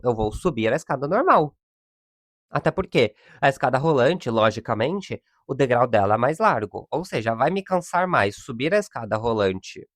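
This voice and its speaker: A man's voice: mid-range voice, a bit bright, no room sound, clean studio sound. A young man hosts a solo podcast, ranting in exasperation about everyday annoyances and laughing often. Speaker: podcast host. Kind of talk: casual solo podcast monologue.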